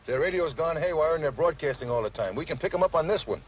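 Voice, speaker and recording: An actor playing an eager police sidekick who talks fast, in a 1940s B-movie mystery with a hissy old soundtrack. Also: male voice, on the high side, animated, close to an everyday voice, rough recording.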